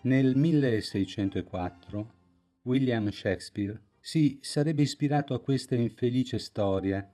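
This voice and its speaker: A man giving scripted documentary narration as a voice-over, in a slow, measured storytelling manner. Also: lowish voice, dark tone.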